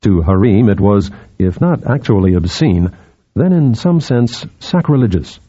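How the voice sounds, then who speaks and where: Dark-voiced male audiobook narrator. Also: fairly low pitch, expressive, slightly rough, lo-fi sound. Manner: measured storytelling. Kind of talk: scripted narration.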